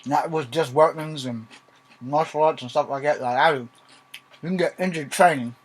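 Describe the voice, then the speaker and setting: A man's voice: a little high, moderate pace, slightly rough. A man talking casually in a rambling vlog, blunt and informal, swearing freely as he gives martial arts advice. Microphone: filming from a laptop.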